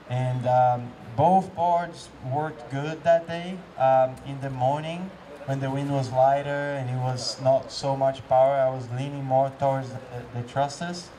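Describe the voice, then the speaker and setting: Male windsurfer at a Q&A, mellow tone, halting delivery, recorded from a distance with faint noise behind. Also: medium pitch. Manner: hesitant, many fillers and restarts. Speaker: pro windsurfer answering questions. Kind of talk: casual Q&A answers.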